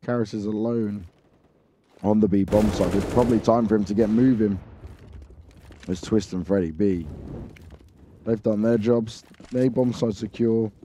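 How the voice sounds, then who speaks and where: A male esports caster with a very dark, soft-edged tone calls the match play by play. Faint noise, clicks and gunfire from the game sit behind him. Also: lowish voice, fairly even intonation, a little slow, long pauses. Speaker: esports commentator.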